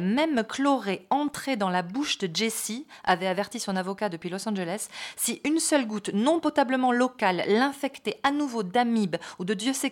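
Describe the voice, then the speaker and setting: A woman reads a literary novel aloud with expressive, rhythmic phrasing. Her voice sits at a middle pitch. Now and then she stops to add a short, casual aside. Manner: expressive reading with brief spoken asides. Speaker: reader.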